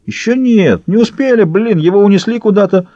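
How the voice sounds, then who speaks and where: A man voicing a dim, boastful male savage gang chief who talks loud and eager. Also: high voice, lively intonation, brisk, no room sound, pitched above the performer's own voice. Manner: eager, loud, fawning to his boss. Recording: slightly dull dry recording.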